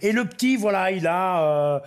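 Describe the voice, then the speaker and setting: A man's voice: high-pitched, lively intonation, moderate pace. A man telling jokes on stage, rambling with digressions. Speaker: stand-up comedian. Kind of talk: live joke-telling.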